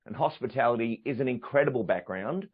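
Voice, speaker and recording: A fast-talking man with a medium-pitched, lively voice hosts a sales podcast and interviews a guest, bringing an enthusiastic, polished presenter delivery as a podcast host and sales trainer. The audio is dull and lo-fi, with faint music.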